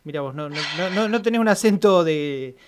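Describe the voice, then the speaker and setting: A man's voice: high-pitched, lively intonation, normal speed. A man hosting a radio interview with a Rioplatense accent, asking chatty questions. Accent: Rioplatense Spanish. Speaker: radio host.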